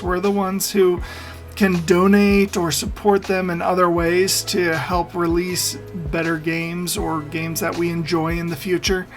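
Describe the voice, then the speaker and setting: Speaking in a high, creaky voice, a man reacts to memes on his channel in loose, casual commentary. He rambles, shares strong opinions, and breaks into laughter frequently.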